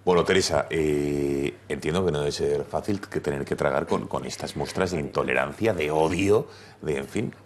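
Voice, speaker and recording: A man's voice: rumbling low, moderate pace. A man, a television host presenting a debate show in a studio.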